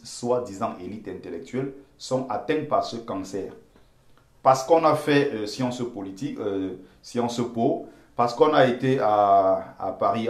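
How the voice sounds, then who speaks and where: A man's voice: on the low side, reverberant. A man from Cameroon with a Bamileke accent, giving impassioned live-stream commentary. He talks emphatically, repeats himself and pleads with his viewers.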